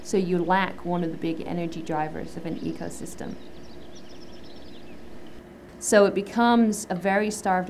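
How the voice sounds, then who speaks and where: In a lab, a microbiologist in her thirties explains her research for a documentary interview, gesturing as she talks. Her voice sits fairly low and has a creaky quality, with a noisy background behind it.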